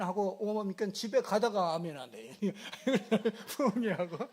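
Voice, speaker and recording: A middle-aged male pastor preaching a sermon in a chatty, joking way, repeating little fillers as he goes. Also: sits high. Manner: conversational and joking, repeats fillers, mimics regional speech. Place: church sanctuary.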